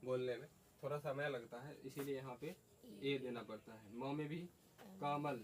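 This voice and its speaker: A man's voice: mid-range voice, fairly even intonation, moderate pace. A man teaching a class, asking the students questions and repeating their answers. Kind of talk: classroom lesson. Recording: faint background noise.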